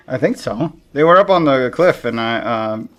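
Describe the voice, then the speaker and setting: A man streaming a shooter game, chatting casually and thinking out loud with frequent chuckles. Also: medium pitch. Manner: chuckles often, thinks aloud. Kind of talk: casual gameplay chat.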